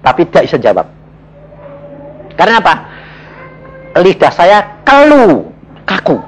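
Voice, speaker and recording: A middle-aged man preaching a sermon, telling personal stories and acting out his own dialogue with God, at times in high shouts. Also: wildly swooping pitch, a little slow, rough recording. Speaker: evangelist preacher.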